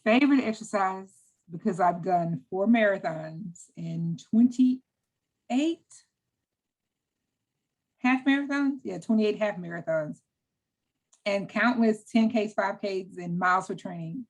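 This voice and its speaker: A woman's voice: medium pitch, slow, pauses often. A middle-aged woman from the United States chatting as an interview guest, enthusiastic and talkative, repeating words when she gets going. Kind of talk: casual interview chat.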